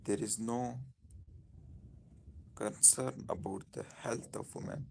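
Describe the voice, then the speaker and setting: A man with a Pakistani accent speaking informally on a live stream, in halting, repetitive phrases. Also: lowish voice, steady tone, vocal fry, a little mellow, slight background noise.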